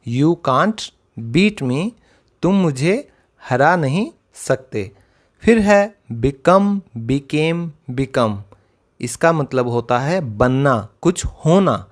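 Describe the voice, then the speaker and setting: A man teaching English verb forms, explaining each word in a slow lesson and repeating example sentences twice. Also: a little high, lively intonation. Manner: addresses viewers as children.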